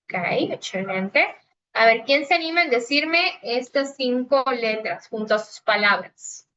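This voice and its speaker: A woman whose first language is Italian explains pronunciation slowly and patiently to her students, pausing to ask if everyone is following. Her voice is bright and a little high. It comes through as a dull phone recording of a video call. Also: lively intonation. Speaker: Italian teacher. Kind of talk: online language class.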